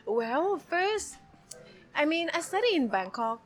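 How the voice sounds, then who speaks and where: A woman with a Thai accent talking casually as an interview guest, in a halting way that repeats words. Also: very high voice, sing-song. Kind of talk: casual chat.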